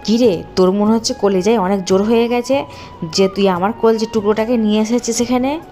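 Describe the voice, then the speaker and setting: Woman plays a hot-tempered father, loud and emotional, warm dark voice, middle pitch. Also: fairly even intonation, fairly quick, faint music behind, lightly acted. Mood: angry. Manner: shouting, emotional. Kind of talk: cartoon voice acting.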